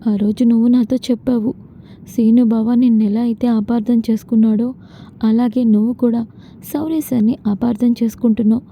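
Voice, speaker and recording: A woman's voice: a little high, steady tone, a little fast, close to an everyday voice. A woman voicing a grieving, remorseful young bride in a retold serial. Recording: dull lo-fi with faint noise.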